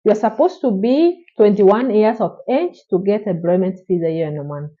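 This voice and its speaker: A slightly muffled recording captures a woman with a mid-range voice speaking at normal speed. She's a vlogger in Oman fielding viewer questions for a casual advice vlog, encouraging and repetitive as she addresses her audience directly.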